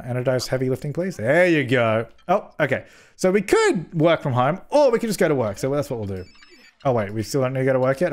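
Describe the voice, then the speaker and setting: With a mid-range voice roughened a bit by a cold, this young man, a gaming YouTuber, riffs casually and jokingly over a life-sim game, telling off his characters. The let's-play is captured at home through a headset microphone.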